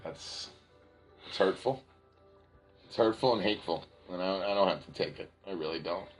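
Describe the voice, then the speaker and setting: A man's voice: deep voice, moderate pace, soft background music, low-quality recording. A man hosting a podcast in casual chat, telling stories with quoted voices. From Pennsylvania. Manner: animated storytelling with quoted voices. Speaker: podcast host.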